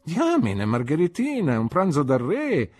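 Man voicing a jovial young gentleman, careless, loud and teasing, raised husky voice, lively swings. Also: fairly high pitch, moderate pace, pitched above the performer's own voice. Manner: breezy, teasing, boisterous. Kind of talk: audiobook reading.

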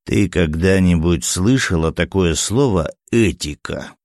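A gruff, irritable doctor who snaps and turns sardonic, with a deep, low voice, read by a man. The sound is dry and close-miked, a storybook reading. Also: lively intonation, unhurried, a little mellow, dry recording.

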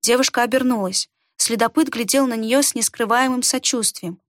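A woman reads a fantasy audiobook in a steady, expressive way. Her voice is fairly high. The recording is dry and close, with no room sound. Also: normal speed, no room sound. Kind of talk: audiobook narration.

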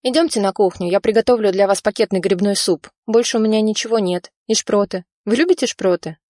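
A woman's voice: medium pitch, brisk, darkish tone, dry recording, studio quality, voice pushed up, close to an everyday voice. A woman reading the part of a tall, cautious but kind young woman who questions her guest. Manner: questioning, surprised.

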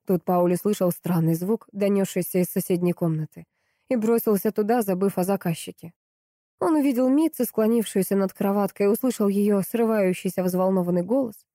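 In a studio-quality recording with no echo, a woman with a mid-range voice narrates an audiobook, telling the story in a measured, expressive way.

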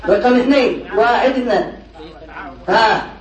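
High-voiced male teacher drilling a class. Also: normal speed, a faint crowd. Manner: drills the class with repeated questions. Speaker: teacher of Arabic morphology. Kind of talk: classroom lecture. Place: classroom lesson. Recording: echoey room from far off, class murmur.

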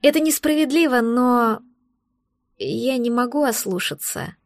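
A woman doing a gentle young werewolf girl. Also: on the high side, lively intonation, measured pace, no room sound, studio quality. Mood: sympathetic.

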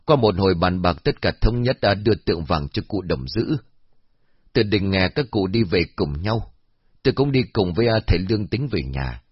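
A fair-minded old village man speaks in a low, calm, reasoning voice, as a male narrator puts him on. His tone is husky and the recording dull and lo-fi. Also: dry recording.

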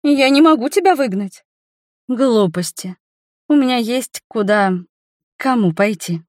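Woman doing a high, excitable girlfriend. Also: dry recording, studio quality. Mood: insistent. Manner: excited, teasing, quick to exclaim. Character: lively, impulsive young woman friend, troubled by nightmares. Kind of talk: audiobook character voice.

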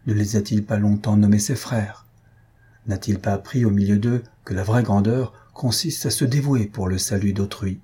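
A man reading a French short story aloud as narrator, measured and dramatic, lifting his voice for the characters' shouts. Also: lowish voice, steady tone, breathy edge. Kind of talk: scripted audiobook reading.

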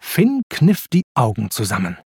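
A man narrating a children's storybook with expressive, slow reading. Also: medium pitch, breathy edge, dry recording, studio quality.

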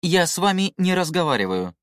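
A stern, scolding female system voice from a storybook, as a man reading aloud puts her on. She speaks high and loud, prim and reproachful, recorded dry and close. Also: very animated, a little fast, clear, resonant tone, no echo. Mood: offended.

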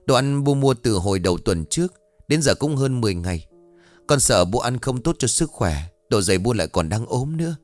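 A man's voice: medium pitch, very animated, a little fast, faint music behind, natural voice. A man doing a timid, pleading young wife. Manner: stammering, pleading softly.

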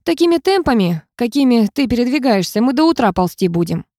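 A woman's voice: fairly high pitch, very animated, a little fast, dark tone, no room sound, clean studio sound, voice pushed up. A woman voicing a cocky, teasing young male student mage in an audiobook, smug and self-assured. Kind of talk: audiobook character voice.

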